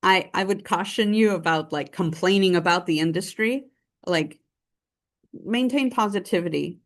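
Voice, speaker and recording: A woman's voice: lowish voice, normal speed. A woman running a real estate training session on a call, chatty and encouraging, full of "like" and "um". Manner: chatty, filler-heavy, encouraging. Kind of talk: live group training session. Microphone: online call.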